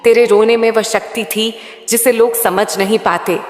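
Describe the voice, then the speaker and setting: A woman voicing a loving, all-knowing mother goddess in a soothing devotional message, speaking slowly and intimately. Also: on the high side, steady tone, close to an everyday voice. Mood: tender. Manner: slow, soothing, intimate address. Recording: echoey hall with faint sitar music.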